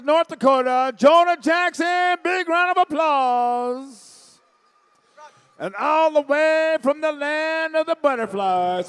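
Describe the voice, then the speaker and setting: A man working as a powwow emcee, calling up dancers and dignitaries with drawn-out, shouted announcements over a PA. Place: large powwow arena over PA. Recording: booming PA with long hall reverb.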